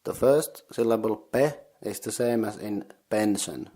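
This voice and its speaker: Recorded inside a sauna that isn't heated, this podcast host from Finland gives board gamers a Finnish language lesson in a lowish, mellow voice with a Finnish accent. He goes slowly and patiently, breaking each word into syllables.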